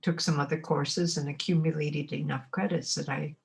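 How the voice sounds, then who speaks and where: Recalling her past in an oral history interview, a Montana woman in her eighties speaks in a deep, creaky, darkish voice with fairly even intonation. She goes slowly and reflectively, often pausing to find what to say.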